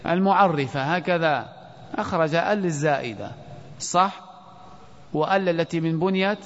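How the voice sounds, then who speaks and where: A man teaching an Arabic grammar lesson in a classroom, quizzing his students and reciting verse slowly. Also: on the high side, animated, fairly bright tone. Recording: dull lo-fi audio with long hall reverb.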